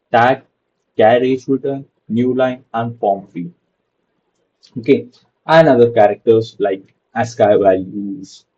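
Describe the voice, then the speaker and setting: A young adult man with a warm, mid-range voice and a breathy edge teaches programming in a casual screen-share lesson. His manner is loose, and he fills his speech with lots of "okay" and "so." The audio sounds dull.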